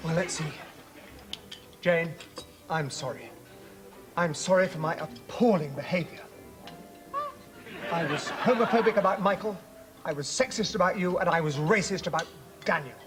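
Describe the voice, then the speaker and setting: An actor playing a contrite, self-pitying middle-aged ex-husband, earnest and apologetic. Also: male voice, a little high, moderate pace, pauses often, over music, natural voice.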